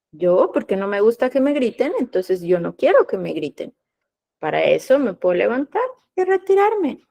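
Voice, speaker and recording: Her voice is warm and on the high side as she hosts a podcast interview. She teaches through her explanations, often asking a rhetorical question and answering it herself.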